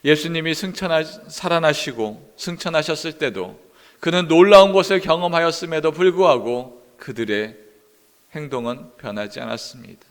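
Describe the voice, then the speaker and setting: A man preaching a sermon as a pastor, earnest and steady, with his voice dropping at the ends of sentences. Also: a little high, normal speed, long reverb tail. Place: church sanctuary.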